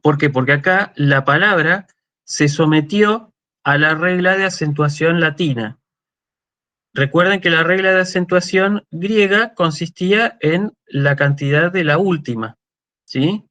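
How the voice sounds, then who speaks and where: A university lecturer with an Argentine Spanish accent, his voice sitting a little higher than most men's. He works through his points patiently, thinking aloud, with small restarts along the way. He keeps tossing a quick "¿sí?" to the class. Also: pushed and bright. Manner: explanatory, often checks in with a questioning "¿sí?".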